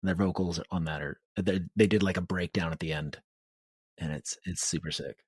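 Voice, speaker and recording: Casual male co-host, lowish voice. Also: steady tone, normal speed, breathy edge, dry recording, clean studio sound. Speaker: podcast co-host. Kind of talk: casual chat.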